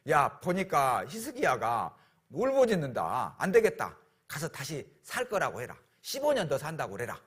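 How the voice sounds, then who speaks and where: A preacher voicing God, blunt and commanding. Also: male voice, on the high side, huge pitch swings, normal speed, a bit bright, husky, full character voice. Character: God, a stern commanding divine voice.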